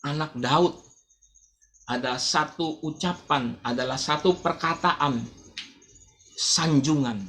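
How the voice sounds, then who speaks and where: A man preaching a sermon as pastor of a church, dramatic and swinging between loud calls and quiet asides. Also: a little high, takes it slowly, long pauses. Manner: acts out the blind man's cry.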